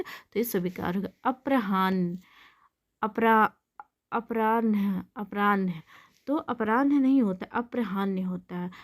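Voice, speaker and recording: Hindi tutor woman repeating words. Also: mid-range voice. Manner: repeats each word, asks and answers her own questions. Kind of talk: exam-prep lesson explaining spelling errors.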